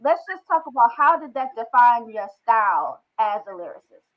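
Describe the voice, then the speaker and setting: A woman hosting an interview, asking casual, enthusiastic questions in relaxed slang. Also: on the high side, moderate pace, phone-quality sound. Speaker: interviewer, host.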